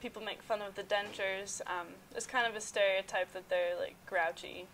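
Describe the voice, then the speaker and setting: A woman's voice: mid-range voice, fairly even intonation, moderate pace, a bit bright, slight background noise, poor audio. A young woman of eighteen, a college freshman giving thoughtful interview answers with many "um"s.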